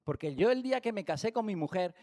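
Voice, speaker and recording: A man with an accent from Spain leads a church Bible study in a fairly high voice. He talks animatedly, firing rhetorical questions and acting out small everyday scenes to make his point. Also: lively intonation, quick pace, a little mellow. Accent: Spain Spanish. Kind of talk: church teaching talk. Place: church hall.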